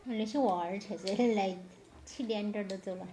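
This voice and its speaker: A woman's voice: mid-range voice, brisk, mellow. A woman with a Sichuan-Chongqing accent chatting casually with her family, as in a home vlog. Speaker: family vlog host, mother. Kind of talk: casual family chat over a meal. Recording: noisy family chatter around the voice.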